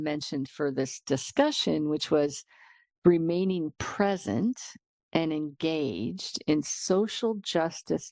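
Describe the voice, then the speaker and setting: Low gravelly-voiced woman podcast host. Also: darkish tone, dry recording, clean studio sound. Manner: thoughtful, searching, with many pauses and fillers. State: slightly losing her voice. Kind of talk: reflective interview conversation.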